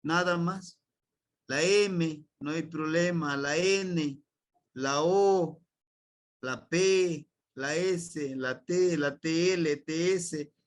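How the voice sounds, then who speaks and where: A man's voice: fairly high pitch, drawn-out words. A man from Mexico with a Mexican Spanish accent, teaching a language class and patiently spelling out sounds and words. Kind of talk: slow classroom explanation.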